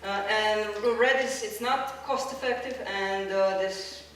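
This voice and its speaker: A woman's voice: mid-range voice, takes it slowly, slight background noise. A woman from Croatia giving a public science lecture with slides. She explains step by step, with many fillers and restarts. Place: lecture hall. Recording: echoey hall, mic at a distance.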